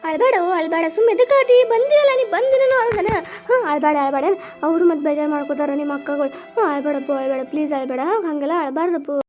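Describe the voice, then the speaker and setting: A woman's voice: extremely high pitch, lively intonation, quick pace, soft background music. Woman playing a soothing village mother. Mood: consoling. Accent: North Karnataka Kannada. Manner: soothing, coaxing. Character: caring village mother comforting her children. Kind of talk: family drama acting.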